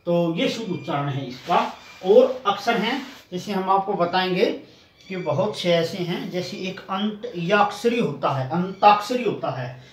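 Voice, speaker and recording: A man teaching a Hindi spelling lesson, explaining step by step and drawing out each syllable slowly. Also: sits high, expressive. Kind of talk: classroom spelling lesson at a board. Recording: echoey room, far from the mic, faint noise.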